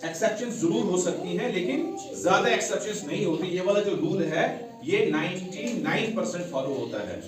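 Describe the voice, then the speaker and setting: A man's voice: sits high, animated, moderate pace. A male teacher giving a classroom lecture, spelling words out letter by letter and often checking that students follow. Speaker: English teacher. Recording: very echoey room, mic far off, students' voices.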